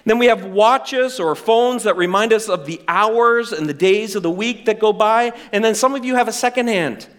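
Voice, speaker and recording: A middle-aged male pastor preaching a sermon with animated, self-deprecating humor. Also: high voice, normal speed, hardly any pauses.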